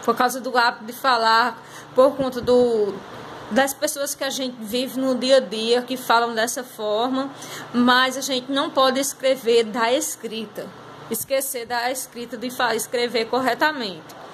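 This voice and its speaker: A woman's voice: a little high, steady tone, unhurried, a bit bright, slight background noise, low-quality recording. A woman teacher going over a class exercise, patiently explaining step by step and drawing out words. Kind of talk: recorded class lesson correcting exercises.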